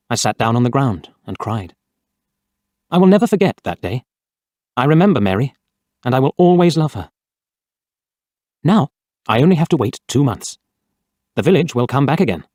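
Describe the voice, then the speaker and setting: A man narrating a first-person storybook reading in a plain, measured way. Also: mid-range voice, darkish tone, no echo, studio quality.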